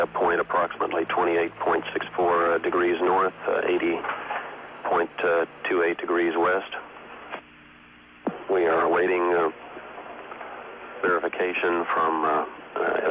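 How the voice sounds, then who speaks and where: A man announcing a flight from mission control over a radio loop, reading out figures in a flat, measured way. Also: low voice. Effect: radio loop transmission. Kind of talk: live flight commentary. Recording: muffled noisy archival broadcast.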